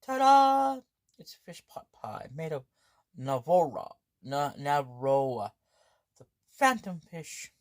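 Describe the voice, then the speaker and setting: A man's voice: on the high side, very animated, measured pace, hardly any pauses, fairly bright tone, dry recording, studio quality. A man voicing an eager, cheerful young woman who cooks, in a game read-aloud. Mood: proud.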